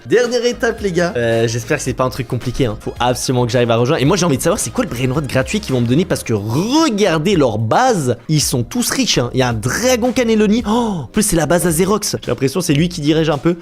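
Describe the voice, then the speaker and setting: An excitable man commenting live on his gameplay, talking straight to his viewers. His pitch jumps up and down in lively swings, and he breaks into laughter often. A little music plays faintly underneath. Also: fast, hardly any pauses. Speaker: gaming YouTuber host.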